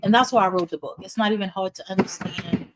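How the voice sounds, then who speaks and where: This guest, a middle-aged internal medicine hospitalist from Haiti, talks fast in a medium-pitched voice while answering interview questions. She's earnest and explanatory, dropping "you know" often, and there's heavy background noise.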